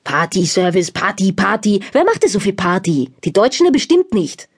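A woman voicing a hot-tempered older Italian father who owns a restaurant, speaking broken German with an Italian accent and loud outbursts. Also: medium pitch, sing-song, moderate pace, husky. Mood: grumbling.

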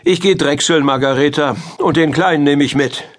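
A man's voice: a little high, normal speed, natural voice. A man doing a jolly old seafaring great-grandfather. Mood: jovial. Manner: hearty, teasing; drops to a whisper for asides. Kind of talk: audiobook character voice.

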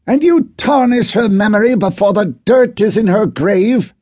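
A man's voice: mid-range voice, lively intonation, measured pace, warm tone, no room sound, studio quality, voice pushed up. A man voicing a grieving, proud older father who speaks stiffly and formally, and whose anger comes out as a hiss. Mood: furious. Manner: stiff formal speechmaking, turns to hissed fury.

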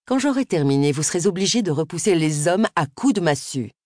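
A woman voicing a confident, flattering male hairdresser in an audiobook, in a lowered, self-assured voice. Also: a little fast, no echo, studio quality.

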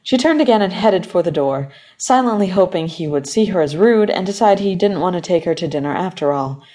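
Woman audiobook reader, low warm tone, steady measured delivery. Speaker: audiobook narrator. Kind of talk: scripted narration.

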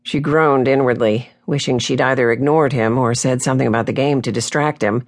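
A woman reading a romance novel aloud in a smooth, even storytelling way, recorded close on a studio microphone. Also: very deep voice, brisk. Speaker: audiobook narrator. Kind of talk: scripted audiobook narration.

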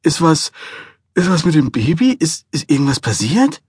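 Brief: groggy, exasperated expectant father, husky voice, read by the narrator himself. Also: fairly high pitch, big pitch swings, moderate pace, a little mellow, dry recording, pitched above the performer's own voice. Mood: alarmed. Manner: flustered, exasperated. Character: sleepy, harried expectant father, young man.

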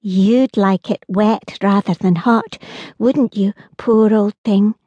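A woman voicing an excited young girl in a children's audiobook, urgent and pleading. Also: medium pitch, slow, no room sound, lo-fi sound. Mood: eager. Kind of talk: audiobook character voice.

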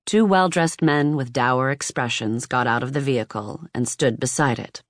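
A nonfiction audiobook is read evenly and deliberately by a narrator with a mid-range voice. The recording is close-miked in a booth and free of echo.

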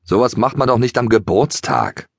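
A man's voice: mid-range voice, big pitch swings, moderate pace, vocal fry, husky, dry recording, clean studio sound, pitched above the performer's own voice, exaggerated voice. A man voicing a cheeky, stubborn young pony stallion who grumbles and sulks. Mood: grumbling.

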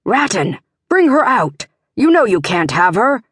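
A woman voicing a bossy pursuer who yells orders from outside a barn, in a fantasy audiobook. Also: fairly high pitch, very animated, a little slow, breathy edge, no echo, studio quality, full character voice. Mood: yelling. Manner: yelling, bossy.

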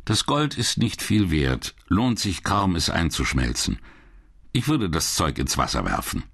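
A man's voice: sits low, big pitch swings, a little slow, creaky, fairly bright tone, slightly rough, exaggerated voice. A male narrator voicing a sly, smug male crook in an audiobook, amused and leering. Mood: dismissive. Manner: drawling, amused.

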